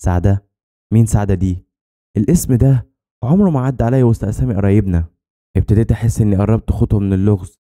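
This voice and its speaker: A man with an Egyptian accent telling a scripted horror story in a brisk, tense way. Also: fairly low pitch, mellow.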